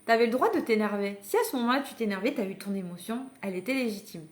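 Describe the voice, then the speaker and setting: Expressive and fast-talking, a parenting coach with a medium-pitched voice presents a live online masterclass. She addresses her audience head-on, encourages them in a chatty way and calls them to action, stumbling into hesitations and restarts fairly often.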